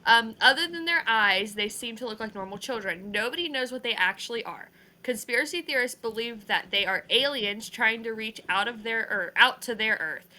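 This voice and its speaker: A young woman chats on a casual podcast with a bright, slightly high voice. She giggles easily and fills her talk with "like" and squeamish "ew"s. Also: lively intonation, normal speed. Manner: giggly, says "like" and "ew" a lot. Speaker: podcast co-host. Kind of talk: casual chat.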